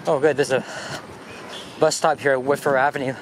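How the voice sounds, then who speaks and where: A man's voice: medium pitch, fairly even intonation, fairly quick. A man hosting a walking vlog, chatting to himself and his viewers while he climbs, a bit out of breath, recorded outdoors in a city park. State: winded from climbing. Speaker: vlog host. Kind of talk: casual walking commentary. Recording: outdoor street noise, traffic behind.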